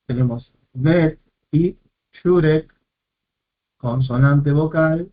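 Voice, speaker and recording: Slow, methodical male teacher on tinny audio. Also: on the high side. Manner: methodical, repeats and sounds out syllables, corrects himself. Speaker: Biblical Hebrew teacher. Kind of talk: slow step-by-step lesson.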